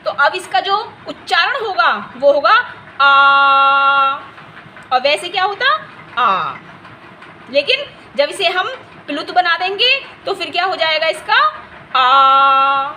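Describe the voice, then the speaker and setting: A woman teaches an exam-prep grammar lesson in a very high, bright voice. She explains step by step, repeating key terms and stopping often to ask if the class has followed. A faint background noise sits under the recording. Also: expressive, moderate pace. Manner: stretches vowels to demonstrate length.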